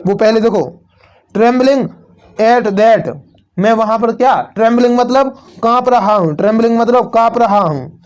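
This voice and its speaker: A man's voice: extremely high pitch, a little slow. A man teaching a poem line by line, who keeps asking a question and answering it himself and repeats each point. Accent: North Indian Hindi. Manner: repetitive, asks and answers own questions.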